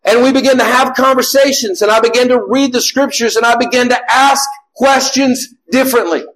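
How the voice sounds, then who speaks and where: A man in his forties preaching a sermon and giving his own testimony, impassioned, often rising to a shout and restarting his phrases. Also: very high-pitched, fairly quick, rough recording.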